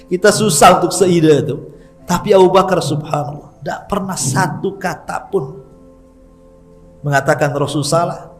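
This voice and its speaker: A middle-aged male preacher tells stories in a bright, high voice. He keeps his sermon chatty and playful, teasing his listeners as he goes. Soft music sits faintly underneath. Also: normal speed. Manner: lively, chatty, jokes with the audience. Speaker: Islamic preacher. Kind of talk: storytelling sermon.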